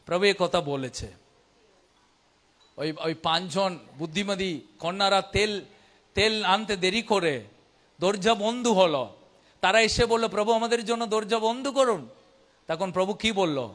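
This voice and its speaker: A man's voice: sits high, a little slow, long pauses, a bit bright. A man preaching a sermon in Bengali learned as a second language, with a foreign accent, exhorting listeners with repeated phrases and rhetorical questions. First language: not Bengali, learned it as an adult language.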